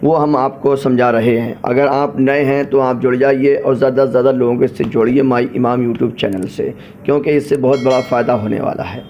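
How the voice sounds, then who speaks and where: A man giving a patient religious lesson, explaining each phrase and drawing out recited verses slowly. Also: mid-range voice, steady tone, a little mellow, a little hiss or hum. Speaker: religious teacher. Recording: dull lo-fi recording.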